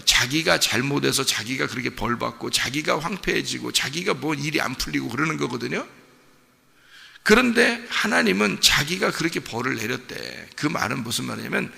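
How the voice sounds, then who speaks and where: Male pastor, very gravelly and forceful voice, chatty sermon full of questions to the pews, long church-hall reverb. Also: mid-range voice. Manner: conversational preaching with many rhetorical questions to the congregation; acts out a parent's voice in quotes. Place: church sanctuary.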